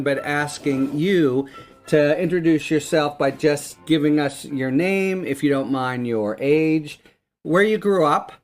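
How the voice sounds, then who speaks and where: A man hosting a political podcast who reads a formal introduction and then asks his guests questions in a measured, articulate way. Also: fairly high pitch. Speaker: podcast host.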